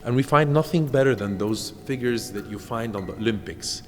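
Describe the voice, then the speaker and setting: A man from Egypt, an architect, explaining a project in a measured, explanatory documentary interview. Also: mid-range voice, in a large hall, faint music behind.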